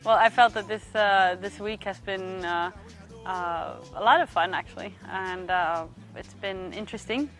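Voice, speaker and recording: A young woman from Sweden, speaking English with a voice of ordinary pitch. She is a youth worker giving thoughtful interview answers, stopping often to search for the right word. Quiet music plays faintly behind her. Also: a little slow.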